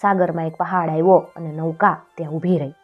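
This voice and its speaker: A woman with a lowish voice narrates an old folk tale at an even storytelling pace. Her delivery is steady and clear, and faint music plays beneath her. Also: a little fast, phone-quality sound. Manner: steady, clear storytelling with lifted voice for quoted speech.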